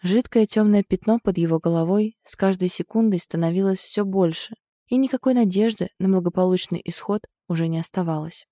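Dark-voiced woman reading a novel. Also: medium pitch, brisk, no room sound, clean studio sound. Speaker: audiobook narrator. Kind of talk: first-person novel narration.

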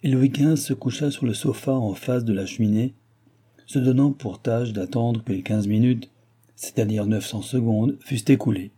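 Husky, dark-voiced male narrator. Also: medium pitch, normal speed. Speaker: audiobook narrator. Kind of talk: scripted narration.

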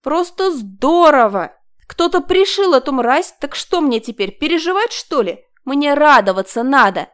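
A woman voicing a defiant, agitated young woman who talks in a shrill, mocking, strident way. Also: lively intonation, measured pace, a bit bright.

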